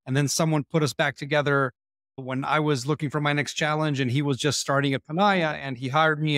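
In studio-quality audio with no echo, a man in his forties with an Israeli accent, a marketing executive, recounts his career on a podcast in a frank, self-deprecating way. His voice is a little high.

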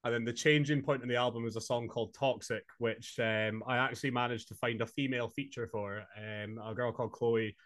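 Young man, Highland Scottish accent, mid-range pitch, conversational podcast guest. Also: steady tone, fairly quick, few pauses, fairly bright tone. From Inverness, Scotland. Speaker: podcast guest, singer-songwriter. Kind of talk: casual interview chat.

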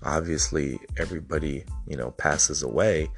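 A man's voice: extremely low pitch, moderate pace, soft background music. A man from Ukraine in his thirties hosting a solo podcast, talking off the cuff in a reflective, motivational way, rambling with lots of "I mean" and "you know.". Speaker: podcast host. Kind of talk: unscripted solo podcast monologue.

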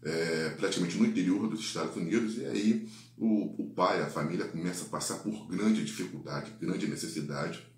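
A man with a Brazilian Portuguese accent retells a faith-based life story, halting often on repeated words and tagging lines with "né?". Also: low-pitched. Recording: echoey room.

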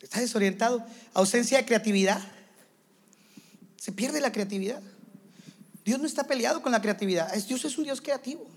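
A man preaching a sermon to church leaders, animated and playing out quick scenes in other voices. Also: very high-pitched. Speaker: pastor.

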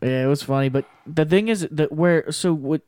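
A man's voice: a little high, moderate pace, a little mellow, clear, resonant tone, no room sound. A man co-hosting a casual podcast, rambling and swearing as he talks over recent fights. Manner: rambling, profane, laughs often. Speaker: podcast co-host. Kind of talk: casual fight-recap chat.

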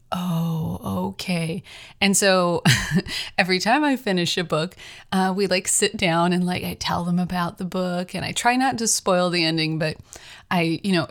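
A young adult woman, a writer, hosts her own podcast, delivering a casual personal monologue full of chatty, rambling stories and frequent laughs. Her voice is fairly low in pitch and a bit bright.

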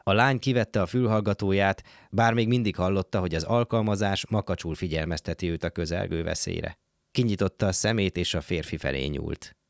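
A man narrating a short story in a measured storytelling manner. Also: low-pitched, vocal fry, dry recording. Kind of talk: audiobook narration.

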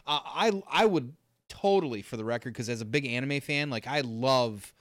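A laid-back man co-hosting a casual livestream who swears freely. His voice is mid-pitched. The sound is dry and close. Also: moderate pace, dry recording. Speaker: co-host.

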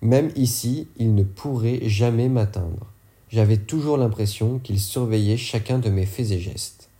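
Mellow-voiced man reading an audiobook. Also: on the low side, a little slow. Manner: steady reading with occasional self-corrections. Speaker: audiobook reader. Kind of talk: audiobook narration.

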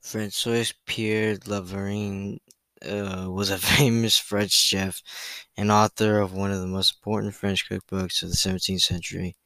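A young man with a bright, forceful, rather low voice hosts a solo podcast. He reads facts in a loose, chatty way, full of fillers, stumbles and self-corrections. The sound is dry and close, with no room around it. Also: level tone, measured pace, dry recording, rough recording. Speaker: podcast host.

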